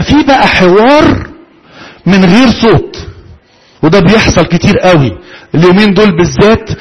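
A man's voice: high voice, breathy edge, poor audio. A man with an Egyptian Arabic accent gives an interactive lecture to a live audience, posing questions and then answering them himself.

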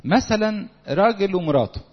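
A man's voice: sits high, fairly quick. A man with an Egyptian Arabic accent preaching a sermon to young people, talking conversationally and acting out little dialogues. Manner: lively, conversational, acts out quotes. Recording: lo-fi recording in a reverberant hall.

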